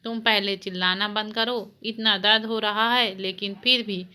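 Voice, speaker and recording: A woman voicing a short-tempered young husband who scolds gruffly. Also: medium pitch, fairly even intonation, a little slow, pushed and bright. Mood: angry.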